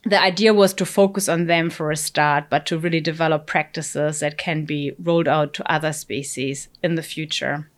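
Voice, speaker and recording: In an interview, a middle-aged woman from Germany who works in fish breeding research talks in a low, fairly even voice. She keeps a normal speed with few pauses, and her thoughtful answers are full of fillers, side remarks, and "you know."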